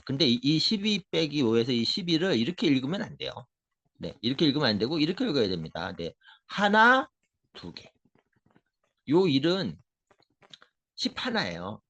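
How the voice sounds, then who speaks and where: A man's voice: medium pitch, breathy edge. A middle-aged man, a math tutor, explaining a concept to parents in an emphatic lecture style, asking questions and answering them himself. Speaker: math tutor and education consultant.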